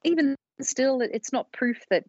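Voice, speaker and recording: A woman with a high-pitched, expressive, slightly mellow voice and a breathy edge speaks at normal speed, with no room sound. She co-hosts a podcast, explaining her research in a careful, casual way with small restarts, and the recording is dull, dry, and lo-fi.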